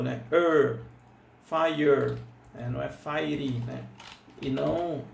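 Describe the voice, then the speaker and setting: A man's voice: a little high, creaky, darkish tone. A Brazilian man with a Brazilian Portuguese accent teaches an English lesson, explaining patiently and asking "né?" often. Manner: explains patiently, full of "né?" and repeats. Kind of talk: screen-share lesson walkthrough. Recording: roomy, slightly distant mic, faint noise.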